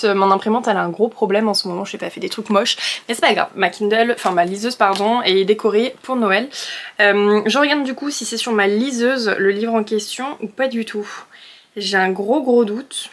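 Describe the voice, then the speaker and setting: A woman's voice: medium pitch, fairly bright tone. Young French woman, book vlogger, rambling casual chat to a camera at home. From France. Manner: chatty, rambling, many fillers and self-corrections. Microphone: camera set on a surface.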